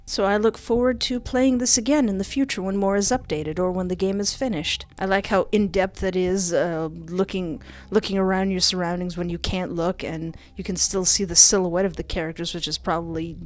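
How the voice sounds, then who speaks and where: Fairly low in pitch and fairly even in intonation, a young woman speaks at a normal speed through her let's play. She switches from casual chat to dramatic read-aloud narration, close-miked with a headset and desk mic, music in the background.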